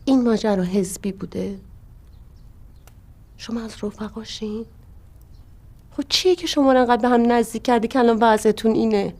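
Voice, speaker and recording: A woman's voice: a little high, long pauses, darkish tone, lightly acted. An actress playing a middle-aged widow and mother of two who pleads and accuses. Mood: grim pleading. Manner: pleading, then bitter and accusing. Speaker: widow confronting her husband's associates. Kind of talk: TV drama acting.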